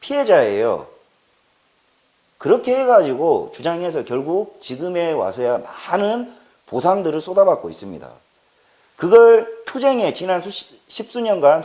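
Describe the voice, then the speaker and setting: A man from Jeolla who talks in a fairly high, very animated voice. His delivery is emphatic: he repeats words for stress, fires off rhetorical questions and swings from loud to low. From Jeolla, South Korea. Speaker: political commentator. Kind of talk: impassioned political monologue.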